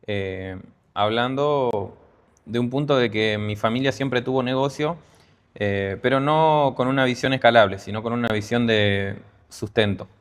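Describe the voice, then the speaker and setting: A Peruvian-born man with a Rioplatense Spanish accent, a guest telling his business story in a casual interview, full of fillers and restarts. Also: medium pitch. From Peru. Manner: hesitant, many fillers and restarts. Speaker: guest entrepreneur.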